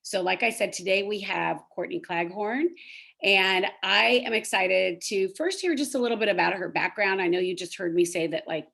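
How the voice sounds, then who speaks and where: A woman with a mid-pitched voice hosts an informal interview show. She is effusive and complimentary, and builds her sentences loosely as she introduces and questions a guest. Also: moderate pace, creaky, fairly bright tone. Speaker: podcast host, interviewer. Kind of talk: casual podcast interview.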